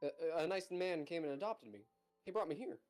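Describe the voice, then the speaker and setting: A man's voice: high voice, quick pace, darkish tone, soft background music, lightly acted. A man voicing a frail, timid, simple-minded old man in a game, stammering in a childlike way. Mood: nervous.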